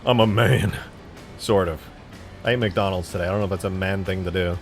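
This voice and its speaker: A man in his twenties chats casually on a live stream while modding a game, rambling, joking and swearing freely. His voice sits low with a steady tone and a brisk pace, and soft music plays in the background.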